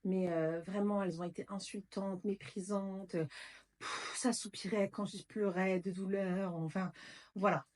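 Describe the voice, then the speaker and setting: A woman's voice: mid-range voice, fairly even intonation, measured pace, darkish tone. A woman vlogger telling a personal story in a candid, casual way, blunt and emotional, with slang and swearing.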